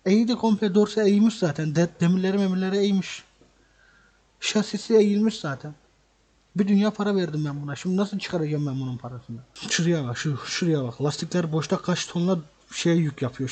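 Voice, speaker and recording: A man narrating a truck-driving game role-play in a fit of frustration, swearing and repeating lines as he vents. His voice sits a little high for a man, with a warm, husky grain. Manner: angry ranting, swears often, repeats himself. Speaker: gaming channel host. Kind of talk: role-play gameplay commentary.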